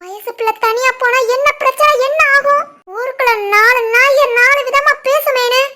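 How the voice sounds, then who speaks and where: Shrill scolding village mother-in-law. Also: a little fast, pushed and bright. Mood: furious. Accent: Tirunelveli Tamil. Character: furious middle-aged village mother-in-law. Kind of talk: animated family drama voice acting.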